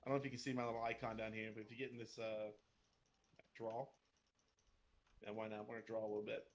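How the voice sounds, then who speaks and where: A man's voice: lowish voice, flat delivery, quick pace. Male game master: chatty, casual, runs the table. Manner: loose and chatty, swears casually, laughs often.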